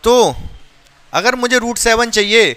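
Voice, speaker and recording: A man's voice: very high voice, animated, measured pace, bright, forceful tone. A man teaching a maths lesson in a classroom, who keeps asking his students questions and then answers them himself.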